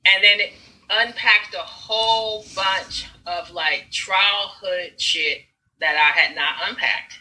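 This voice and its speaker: A woman telling personal stories in casual conversation, animated, acting out scenes and swearing freely. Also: medium pitch, takes it slowly, rough recording. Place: Brooklyn.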